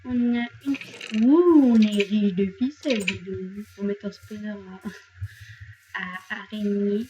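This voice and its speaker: A woman's voice: mid-range voice, slow pace, warm tone, highs cut off, a little hiss or hum. A young woman chatting playfully to her viewers while she plays, talking to objects and joking about crying. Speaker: gaming youtuber. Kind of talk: casual let's play commentary.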